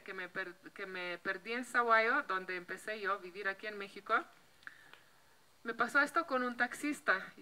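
A Slovene vlogger in her thirties, speaking with a Slovenian accent, chats casually to camera on an outdoor patio beside a block wall, holding a handheld mic. She restarts words and laughs lightly in a mid-range voice that sounds pushed and bright. The recording quality is low.

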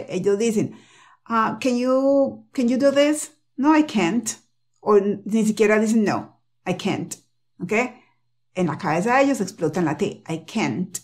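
A woman whose first language is Spanish, teaching English pronunciation in a casual, animated lesson and repeating example phrases. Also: medium pitch. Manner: tag questions, jumps for stress.

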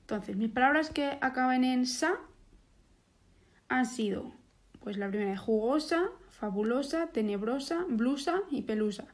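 A woman's voice: high-pitched, animated, a little slow. A young woman teaching a recorded online lesson, explaining step by step with restarts and fillers.

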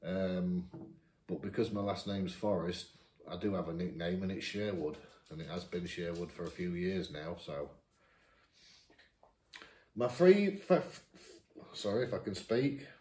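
Deep-voiced and darkish in tone, a 51-year-old Lincolnshire man speaks a little slowly and pauses often as he reads viewer questions aloud and answers them chattily, poking fun at himself. The YouTuber sits at his home dining table, recorded by a camera across the table in an echoey room.

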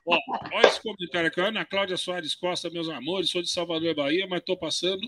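A man with a fairly high voice hosts a casual live stream. He reads out viewer comments and hypes the names with excitement, and crowd noise sits behind him. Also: fast. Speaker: host. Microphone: video call.

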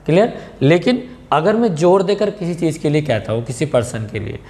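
Male tutor, slightly high voice, quizzes himself as he explains. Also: big pitch swings, normal speed, darkish tone. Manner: mixes English terms into Hindi, asks and answers his own questions; checks understanding with "clear?". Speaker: English grammar teacher. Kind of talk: classroom lesson.

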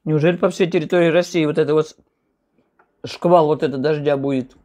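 A woman's voice: low-pitched, fairly even intonation, fairly quick, warm tone. A woman vlogging while she eats, chewing as she talks and rambling casually to her viewers. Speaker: mukbang vlogger. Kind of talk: casual chat to camera while eating.

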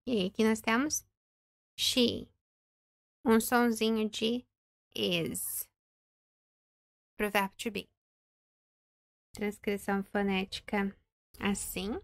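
Woman in her thirties, English teacher, pronunciation lesson, unhurried and careful, dry close sound. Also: mid-range voice, little pitch movement, dry recording. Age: 30s. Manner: slow, careful modelling of English words, frequent "ok?" check-ins.

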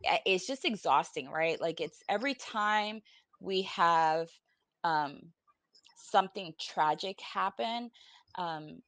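Her voice is on the low side, expressive, slow and a bit bright, captured on a dry recording. In her forties and from Puerto Rico, she's a podcast guest on a video call from a room at home, talking personally on a panel with blunt, informal, salty candor while sounding weary and emotionally exhausted.

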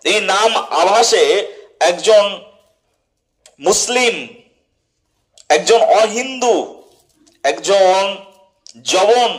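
A male preacher giving a devotional sermon, often putting questions to his listeners and answering them himself, with key words drawn out slowly. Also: high-pitched.

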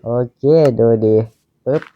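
A Thai Minecraft YouTuber talks to himself slowly and chattily as he builds, casually commenting on his own construction. The recording has its highs cut off and a little hiss or hum.

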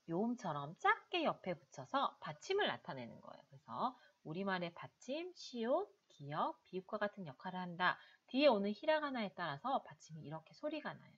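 A woman teaching a language lesson, patiently drilling syllables one by one with repeated examples. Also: fairly low pitch. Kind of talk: slow, repetitive pronunciation drill. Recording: dull, lo-fi audio.

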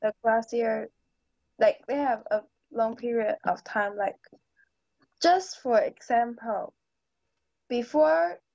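Hesitant teen girl, slow muffled video call. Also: fairly high pitch, creaky, a little mellow, dry recording. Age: teens. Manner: hesitant, searching for words, many "like"s. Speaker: high school student. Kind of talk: class discussion in English. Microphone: computer mic on a video call.

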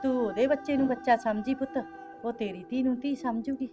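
A woman's voice: high voice, fairly quick, over music, lightly acted. A woman playing a coaxing old village mother. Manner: coaxing, repeating "son" often. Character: older village mother, coaxing son, quarrelsome with daughter-in-law. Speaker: actor in a short film. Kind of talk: village drama acting.

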